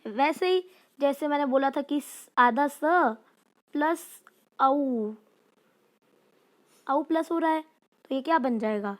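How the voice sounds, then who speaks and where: A woman leads a lesson. Her voice sits high, and her delivery is unhurried. She spells out each word with care, then talks through the steps like a patient tutor. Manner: carefully spells out words one by one, then explains in a chatty teacher's way. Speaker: Sanskrit teacher. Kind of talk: classroom lesson explaining exercises.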